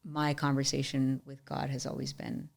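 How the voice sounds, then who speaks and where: A young woman telling a personal story as a podcast guest, animated and chatty, leaning on "like" a lot. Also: extremely low pitch, normal speed, gravelly. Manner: animated storyteller, often says "like". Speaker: podcast guest, musician and entrepreneur. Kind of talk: storytelling in casual interview.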